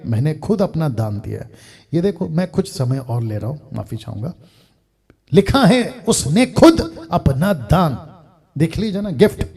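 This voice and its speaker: High-voiced man preaching emphatically. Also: slightly rough. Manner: emphatic preaching with wide swings in loudness, dropping to near-murmurs; mixes English phrases into his preaching. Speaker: pastor. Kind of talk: sermon.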